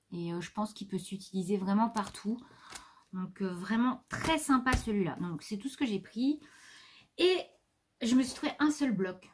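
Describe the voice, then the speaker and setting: Her mid-range voice is slightly mellow as this French vlogger casually presents her new crafting gear at home, straying a bit off topic and turning to her pet. The recording carries faint background noise.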